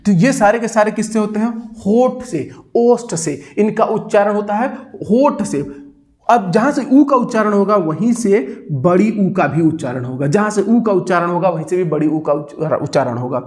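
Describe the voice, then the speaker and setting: A man's voice: high voice, expressive, moderate pace, a little mellow. A man teaching a classroom-style exam coaching lecture with energy, repeating phrases for students to chant along.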